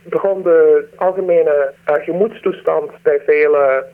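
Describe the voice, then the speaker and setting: A woman, her voice disguised by a deep pitch-shift distortion, answering a radio interview earnestly with hesitant pauses. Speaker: anonymous former aid worker interviewee. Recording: distorted, narrow phone-like sound.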